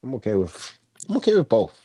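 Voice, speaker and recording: A man co-hosting a podcast in casual chat, laid-back and laughing easily, with drawn-out hedging. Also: medium pitch, very animated, dark tone, slightly rough, no echo, rough recording.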